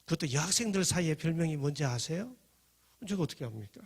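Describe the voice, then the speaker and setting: A middle-aged man giving a lively personal testimony talk, acting out the voices of the people in his story. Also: on the high side, quick pace, slightly rough, big-room sound. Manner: lively, acts out quoted voices.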